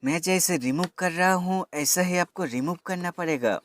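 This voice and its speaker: In this product demonstration and how-to voice-over, a man explains a tech product step by step, addressing viewers as friends. His voice is high-pitched and fairly bright, he speaks at a normal speed, and soft music plays in the background.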